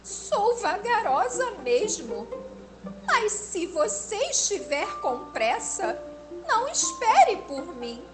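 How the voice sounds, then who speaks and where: A woman voicing a shy, gentle, patient female turtle in a storybook, with a soft plaintive sigh in her talk. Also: very high voice, sing-song, slow, voice pushed up, exaggerated voice. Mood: wistful. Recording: music playing underneath.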